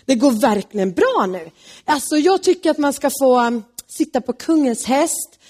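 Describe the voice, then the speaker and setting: A woman's voice: sits high, lively intonation, darkish tone, voice pushed up. A woman doing a gloating scheming court official. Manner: gloating, eager, exclaiming. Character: scheming boastful male royal official.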